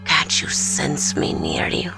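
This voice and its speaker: A woman playing a seductive, cold, merciless sniper villain in a video game, taunting in a breathy purr. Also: slow, over music, close to an everyday voice. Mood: seductive menace. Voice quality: breathy, low.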